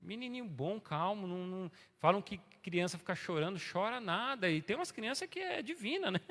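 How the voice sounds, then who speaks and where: A man preaching a sermon as pastor, animated and folksy, swinging between soft asides and loud exhortation. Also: high voice, fairly quick. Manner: folksy storytelling, voicing everyday people. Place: church sanctuary. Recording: long church reverb.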